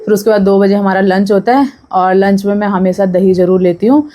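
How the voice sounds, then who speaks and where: A woman's voice: medium pitch, steady tone, a little fast, mellow, slight background noise. A young pregnant woman chatting casually to camera in a vlog, talking freely and drifting off topic. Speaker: vlogger.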